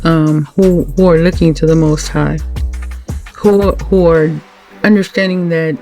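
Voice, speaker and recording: Gravelly-voiced woman giving earnest thanks. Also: deep voice, fairly even intonation, warm tone, soft background music. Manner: earnest and religious, halting with many fillers and restarts. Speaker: channel host, wife of the late channel owner. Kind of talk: heartfelt thank-you talk to supporters.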